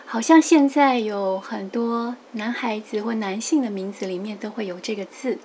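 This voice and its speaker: A middle-aged woman lecturing on classical poetry, explaining characters patiently, reading verses slowly and often adding a soft "ha". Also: mid-range voice, a little hiss or hum. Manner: lively, explains patiently, ends many phrases with a soft "ha"; reads quoted verses slowly and with emphasis.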